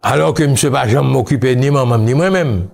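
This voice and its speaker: A man from Haiti, speaking as an interview guest, recalling his childhood in a slow, musing way that mixes Creole and French. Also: mid-range voice, creaky, darkish tone. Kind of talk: reflective interview talk.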